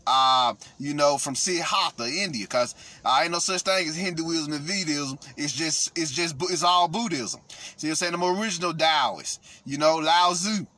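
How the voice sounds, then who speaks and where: Male host, higher-pitched and bright, loose profane commentary with constant restarts. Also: normal speed. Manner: rambling, profane, frequent restarts, "see what I'm saying". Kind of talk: casual commentary.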